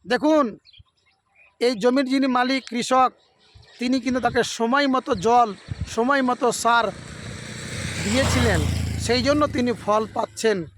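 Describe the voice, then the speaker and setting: A man with an unusually high-pitched voice delivers a devotional sermon outdoors beside a rice field. He speaks as a preacher, circling back to his points again and again. He earnestly pleads with his listeners. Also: a little slow, pauses often, fairly bright tone, a little hiss or hum. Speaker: religious preacher. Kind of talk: devotional sermon to a camera audience.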